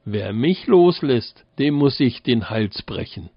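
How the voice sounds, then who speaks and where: A man's voice: medium pitch, expressive, slow pace, creaky, breathy edge, dry recording, dull audio, heavily acted. A man voicing a boastful, menacing male spirit from a bottle in a fairy tale reading. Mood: threatening. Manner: threatening, then pleading.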